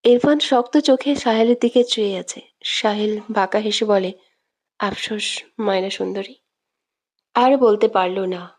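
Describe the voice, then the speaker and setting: Brief: woman narrator, slightly high voice, steady dramatic audio story reading. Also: normal speed.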